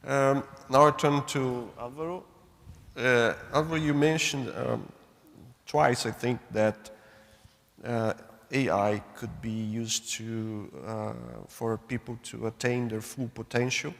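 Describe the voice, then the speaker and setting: A man's voice: mid-range voice, fairly even intonation, slow pace, gravelly. Hesitant male moderator in a hall. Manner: hesitant, many fillers, polite. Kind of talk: moderating a roundtable. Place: large conference hall. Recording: reverberant hall.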